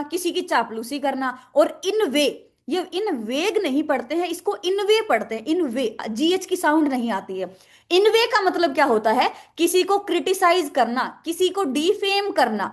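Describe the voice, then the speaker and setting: A woman teaching English vocabulary, asking questions and answering them herself, repeating each word. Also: sits high. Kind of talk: explaining in a lesson with memory tricks.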